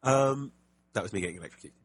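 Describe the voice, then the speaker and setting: A man's voice: medium pitch, lively intonation, fast talker, husky, dry recording. A man co-hosting a casual gaming podcast, chatty and jokey, with plenty of fillers and restarts. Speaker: podcast co-host.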